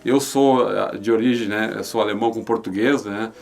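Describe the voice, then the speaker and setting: A regional newspaper representative with a southern Brazilian accent from Rio Grande do Sul talks conversationally as a guest in an interview, repeating words and frequently tagging phrases to seek agreement. His voice is on the low side, steady, creaky, and darkish in tone, at a moderate pace.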